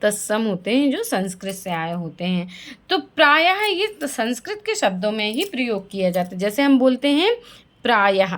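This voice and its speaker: A woman teaching a class of young children, her voice fairly high and swinging up and down a great deal. She asks the class a question and then answers it herself, repeating every key word so the children remember it. Her tone is the patient, sing-song manner of a school lesson.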